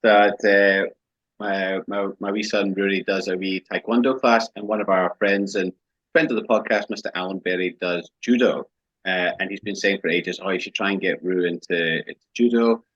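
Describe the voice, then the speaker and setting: A man's voice: low-pitched, steady tone, moderate pace, fairly bright tone. A man, co-hosting a podcast and telling a story in sweary, casual banter. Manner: sweary storytelling, acts out quotes. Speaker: podcast co-host. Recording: dull lo-fi podcast mic.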